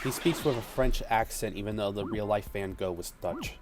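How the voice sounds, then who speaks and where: Low-voiced man sharing game trivia. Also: normal speed, noisy background. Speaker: let's play commentator. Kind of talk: casual gaming commentary.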